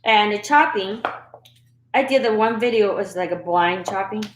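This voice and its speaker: A woman from Sichuan, China, whose first language is Chinese, hosts a live-stream cooking show from her home kitchen, chatting with viewers as she chops and laughing often. Her voice is medium-pitched at a normal speed. Captured on a camera and phone setup, the rough recording sounds echoey, with a little hiss or hum.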